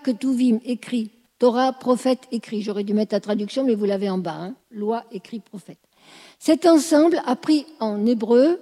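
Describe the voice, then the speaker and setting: A woman's voice: fairly high pitch, dark tone, breathy edge, big-room sound. A woman teaching a class, explaining at length and often checking whether her listeners follow. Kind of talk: classroom lecture.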